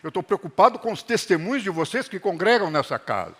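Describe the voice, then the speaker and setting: Animated high-voiced man preaching a sermon. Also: quick pace. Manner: animated preaching with call-and-response to the congregation. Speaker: pastor. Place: church hall.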